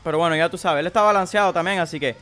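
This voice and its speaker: A man's voice: a little high, rapid-fire, a bit bright, soft background music, natural voice. A man streamer putting on a playful Cuban Spanish accent as a slangy, crude Miami guy talking through game cards. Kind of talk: casual game commentary.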